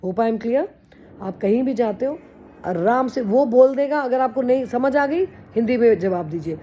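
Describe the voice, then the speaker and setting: A woman with a mellow, warm voice gives encouraging advice to her viewers. Her talk is earnest and chatty, with English phrases mixed in. A faint hum of ambient noise sits behind her. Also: fairly high pitch, lively intonation, measured pace. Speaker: vlogger. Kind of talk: casual motivational talk to camera.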